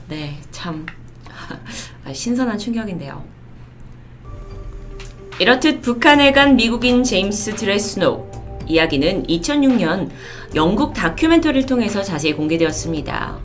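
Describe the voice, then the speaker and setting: Lively woman storyteller over faint music. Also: mid-range voice. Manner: polite presenter phrasing. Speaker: host of a storytelling video channel. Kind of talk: explanatory storytelling narration.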